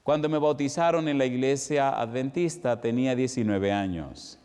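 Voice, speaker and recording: Man with dominican accent preaching, slow emphatic then quick, warm tone, echoing hall. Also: medium pitch, smooth. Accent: Dominican Spanish. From Dominican Republic. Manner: emotional storytelling, shifting between slow emphatic and quick passages. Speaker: evangelist preacher. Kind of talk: sermon. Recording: long hall reverb.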